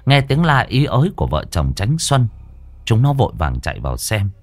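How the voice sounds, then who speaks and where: A male storyteller narrating a ghost story in an expressive, unhurried way. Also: medium pitch, no echo.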